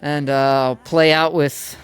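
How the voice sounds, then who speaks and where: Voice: medium pitch, little pitch movement, slow pace, clean tone, soft background music. A streamer chatting casually on a livestream, rambling and laughing often with the viewers.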